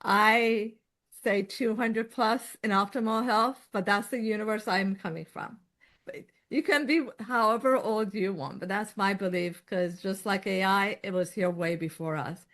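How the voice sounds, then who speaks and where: A middle-aged woman from Iran, a guest in an interview, talking in a lively way and often laughing as she tells her story. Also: mid-range voice, a little slow. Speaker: podcast guest. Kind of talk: conversational interview.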